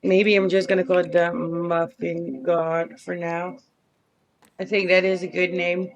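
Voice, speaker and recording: A woman's voice: fairly low pitch, little pitch movement, measured pace. A woman streamer chatting casually and thinking aloud while she plays a game, with the odd swear word. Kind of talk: casual live gameplay commentary.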